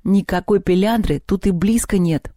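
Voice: medium pitch, normal speed, warm tone, no echo, clean studio sound, voice pushed up, close to an everyday voice. A storyteller voicing a fussy schoolboy who mutters irritably while searching a book. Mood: muttering.

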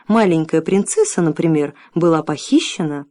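A woman voicing a brave young boy hero who speaks calmly, firmly and politely in an audiobook. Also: deep voice, moderate pace, no room sound, studio quality, natural voice. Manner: calm, firm and polite. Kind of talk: audiobook character voice.

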